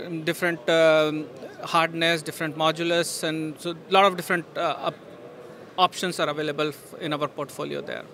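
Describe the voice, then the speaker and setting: A man's voice: on the high side, bright, forceful tone. A middle-aged man answering questions at a trade show booth, speaking with frequent fillers and restarts into a handheld mic. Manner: hesitant, many fillers and restarts. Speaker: industry guest at a trade show. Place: busy exhibition hall booth. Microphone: handheld interviewer mic. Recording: faint trade show hall noise.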